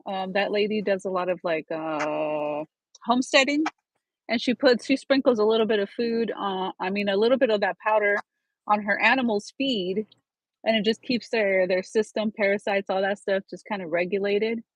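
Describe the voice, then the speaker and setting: A woman's voice: medium pitch, moderate pace, no echo, rough recording. A woman hosting a casual live-stream chat, talking in a rambling way with frequent restarts. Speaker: channel host.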